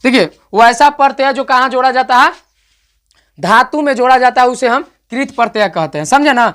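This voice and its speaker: A man's voice: very high voice, normal speed, fairly bright tone, smooth. A man teaching an online grammar lesson, talking straight to his students and saying example words aloud again and again. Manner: direct, repeats words aloud to drill pronunciation.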